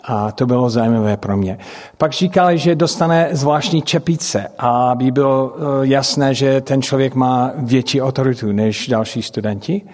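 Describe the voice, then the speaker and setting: Middle-aged male preacher, English-accented non-native speech, halting storytelling sermon, mid-pitched voice, long hall reverb. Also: darkish tone. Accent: English-speaking accent in Czech. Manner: halting, searching for words, with grammatical slips.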